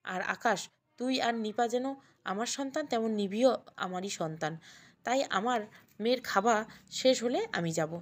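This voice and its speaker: A woman voicing a kind, affectionate middle-aged mother-in-law in an audio story, speaking softly and scolding fondly. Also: on the high side, normal speed, pauses often, close to an everyday voice. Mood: gentle. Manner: soft, gentle, scolding fondly. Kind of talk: Bengali audio story dialogue.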